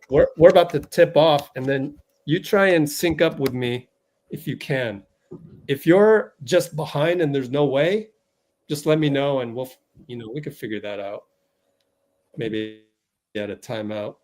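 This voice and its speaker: A man's voice: medium pitch, moderate pace, darkish tone. A man hosting a fan livestream, doing play-by-play while he rambles through technical problems. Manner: flustered, rambling, many fillers, talks to himself while fixing tech.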